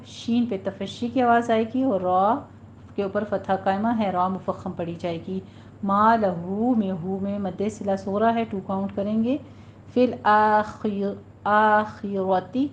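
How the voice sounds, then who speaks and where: A woman teaching Quran recitation rules, with a Pakistani Urdu accent, speaking patiently and drawing out example words slowly to demonstrate. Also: mid-range voice, darkish tone. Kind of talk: tajweed lesson, explaining and demonstrating recitation. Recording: dull lo-fi recording with faint hiss.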